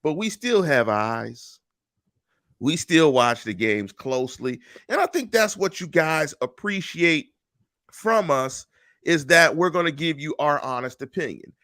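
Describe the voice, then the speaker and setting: Middle-aged guy hosting a sports pod, bright forceful voice, dry close mic. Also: on the high side, animated, a little slow, no echo. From Pittsburgh. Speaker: podcast host. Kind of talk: casual sports podcast chat. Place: home room. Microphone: headset and studio mic on video call.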